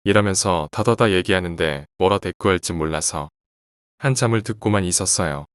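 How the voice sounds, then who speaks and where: A man narrating a first-person horror story aloud in a quiet, measured reading. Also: low voice, clean tone, no echo, studio quality.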